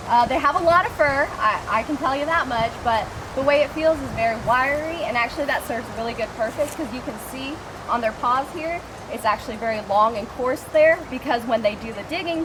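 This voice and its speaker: A cheery, enthusiastic woman working as a zookeeper, explaining things casually to visitors. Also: high voice. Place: outdoors at an animal habitat. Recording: clear outdoor ambient noise.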